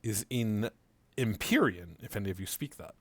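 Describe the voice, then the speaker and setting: Animated man running a tabletop game. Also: lowish voice, moderate pace, no echo. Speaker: game master.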